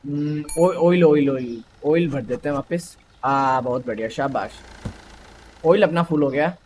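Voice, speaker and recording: A man's voice: fairly high pitch, a little slow, a little mellow, slight background noise. A young man from India commentating a game in a casual, playful way, teasing the characters on screen. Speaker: gaming YouTuber.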